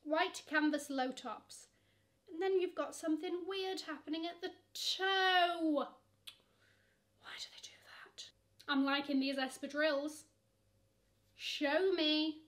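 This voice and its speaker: Slow and a bit bright, her high-sitting voice leaves long pauses. This young fashion vlogger from England chats sassily and gushingly through luxury online shopping from her camera seat, referring to bags as "she," in a bedroom lined with shoe shelves.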